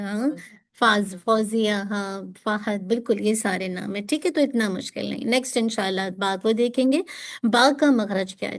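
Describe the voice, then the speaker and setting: A woman teaching Quran recitation, who patiently drills sounds slowly and clearly and switches between Urdu and English to explain them. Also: medium pitch, darkish tone. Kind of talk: pronunciation lesson for students.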